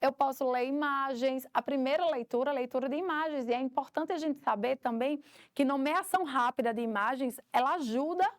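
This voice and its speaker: A woman with a high voice teaches a recorded course for teachers. She explains each step and acts out little classroom examples. The recording is close and dry, with no room sound. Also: a little fast, no room sound. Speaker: teacher trainer.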